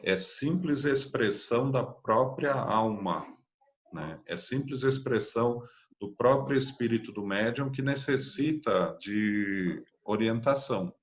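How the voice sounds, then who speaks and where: A man's voice: mid-range voice, slow pace. A man with a Brazilian Portuguese accent teaching an online spiritist course, explaining patiently and often checking in with tag questions. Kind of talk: online class lecture.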